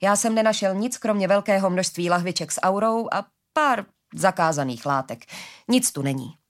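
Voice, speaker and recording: A woman's voice: medium pitch, lightly acted. Woman doing a grumbling young guard. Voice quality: grumbling, easygoing. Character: young man, a guard on night watch.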